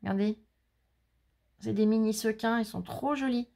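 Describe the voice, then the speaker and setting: French crafting youtuber lady, gravelly edge, gushing over handmade stuff, chatty. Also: fairly high pitch, moderate pace, dark tone. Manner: chatty and effusive, teasing asides. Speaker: crafting channel host. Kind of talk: casual unboxing chat.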